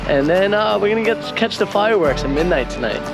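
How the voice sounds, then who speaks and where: A man's voice: high voice, expressive, fairly quick. A man with a Brooklyn accent chatting casually and playfully to the camera as a travel vlog host. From Brooklyn, New York. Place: outdoors. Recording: loud music, outdoor vlog sound.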